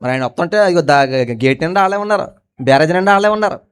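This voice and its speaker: A male pastor delivers a sermon in a high, smooth, resonant voice. He keeps throwing questions at the congregation and drops from forceful emphatic lines to quiet, low asides. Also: expressive, racing. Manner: preaching with call-and-response questions to the congregation.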